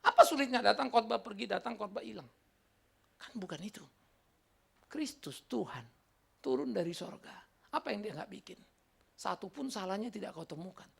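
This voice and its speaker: A middle-aged male pastor preaching a sermon in an animated, colloquial way, with asides. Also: sits high, normal speed, gravelly, long pauses, slightly rough.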